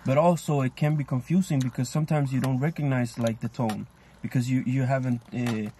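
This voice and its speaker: With a warm, mid-range voice and fairly even intonation, this man talks fairly quickly over slight background noise. As co-host of a food vlog, he chats casually during a meal, musing loosely and at length with many fillers.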